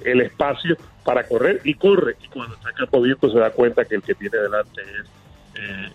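Male analyst calling in, phone-line sound, husky voice, excitable storyteller. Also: medium pitch. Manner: animated storyteller, frequent fillers and restarts. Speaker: team analyst, guest on phone.

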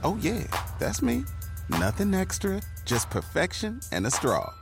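A man playing a cocky, playful fast-food customer in a scripted comic ad. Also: sits high, huge pitch swings, vocal fry, over music, heavily acted. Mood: playfully smug.

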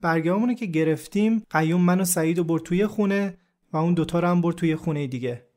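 A man narrating a true story in the first person as a podcast narrator, in a calm, measured and reflective scripted delivery. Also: fairly high pitch.

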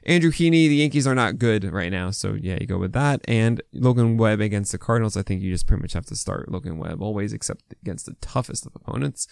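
A man's voice: lowish voice, lively intonation, fast, creaky, hardly any pauses, darkish tone, clear, resonant tone, no room sound, studio quality. An American man hosting a fantasy baseball podcast, talking with a swollen mouth in casual, opinionated, unscripted commentary full of asides.

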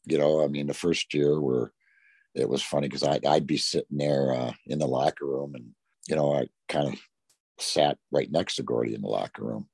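Middle-aged guy from around detroit, husky low voice, rambles through old hockey stories, loads of you knows. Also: fairly even intonation, moderate pace, darkish tone, no echo. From Detroit area. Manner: rambling anecdotes full of "you know". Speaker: former hockey player, guest. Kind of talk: storytelling in an interview.

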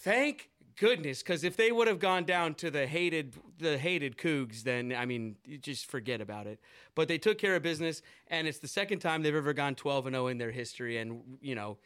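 A man from Seattle hosts a casual sports podcast in a high, lively voice. He gets excitable, jumping from loud outbursts to mumbled asides. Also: normal speed, smooth. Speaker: podcast host.

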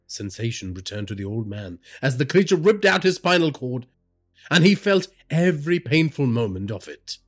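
Brief: a male horror storyteller with a husky voice and dramatic delivery. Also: medium pitch, normal speed, faint music behind. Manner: dramatic storytelling with lively inflection. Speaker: narrator. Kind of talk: scripted horror narration.

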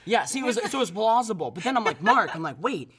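A man's voice: high voice, very animated, racing, husky. A young man, a podcast guest, telling a story casually and animatedly, swearing and acting out quotes.

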